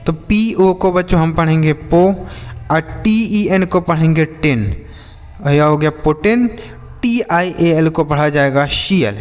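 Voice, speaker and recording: Man teaching English spelling, echoing hall. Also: on the high side. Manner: spells words letter by letter, repeats and quizzes; addresses viewers as children and brother. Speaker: English teacher, channel host. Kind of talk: spoken lesson to students.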